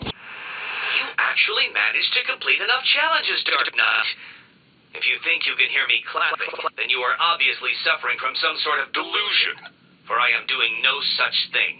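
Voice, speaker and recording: An actor playing a smug, condescending supervillain in a video game, with pompous, sneering, theatrical delivery and crisp over-enunciated taunts. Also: male voice, medium pitch, big pitch swings, normal speed, in a large hall, far from the mic, muffled recording, natural voice. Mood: contemptuous. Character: smug, condescending male supervillain obsessed with riddles.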